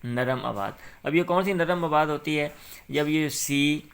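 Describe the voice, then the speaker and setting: A man's voice: on the high side, a bit bright, clean tone. A man tutoring a young pupil through an English exercise, patiently saying short phrases for the pupil to repeat and then explaining them.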